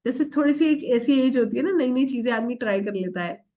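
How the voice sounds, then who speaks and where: A woman's voice: a little high, animated, a little fast, mellow. A middle-aged woman teaching an online tarot workshop, asking the class questions and answering them herself, with English words mixed into her Hindi. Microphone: video call.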